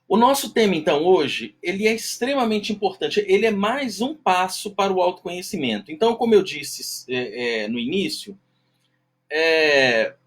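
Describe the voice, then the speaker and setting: A man with a nasal, duck-like voice hosting a live-stream class in a casual, chatty way, greeting viewers by name. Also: a little high. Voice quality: nasal, self-described duck-like voice. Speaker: live-stream host teaching self-knowledge.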